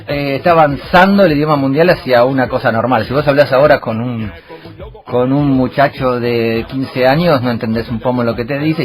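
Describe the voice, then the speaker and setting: A man, hosting a radio show and rambling through a comic monologue full of fillers and asides. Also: mid-range voice.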